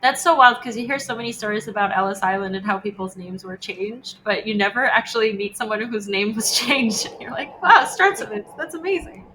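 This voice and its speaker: A woman hosts a podcast interview with a bright, crisp tone. She listens closely and encourages her guest. Her questions come out gentle and curious. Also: medium pitch, a little fast, hardly any pauses, slight background noise, low-quality recording. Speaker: podcast host.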